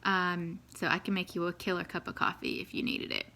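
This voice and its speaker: A woman's voice: on the low side, little pitch movement, a little fast, bright, forceful tone. A New Zealand woman in her thirties telling her life story casually to the camera, with many ums and easy laughs.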